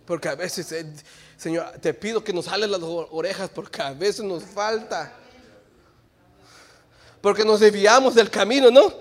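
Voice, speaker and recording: A man preaching a sermon in church. He swings between shouted exhortation and quiet, joking asides. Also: high voice, measured pace, pauses often.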